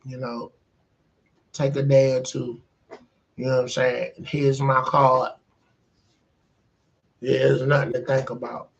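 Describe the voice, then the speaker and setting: A man doing a hushed, coaxing rich man. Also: medium pitch, little pitch movement, slow pace, gravelly, long pauses, dull audio. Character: smooth persuasive rich older man.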